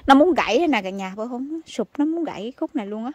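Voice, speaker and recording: A woman from Vietnam, chatting excitedly to her viewers as she picks vegetables in her home garden outdoors. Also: on the high side, racing, slightly rough, dry recording. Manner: chatty and exclamatory, calls viewers family. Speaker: gardening vlogger. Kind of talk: casual chat to viewers while harvesting.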